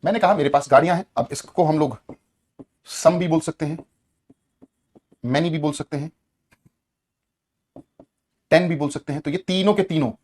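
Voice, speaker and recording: A man teaching an online grammar lesson in a Hindi accent, energetic, repeating key words and asking students questions. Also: a little high, moderate pace, pauses often.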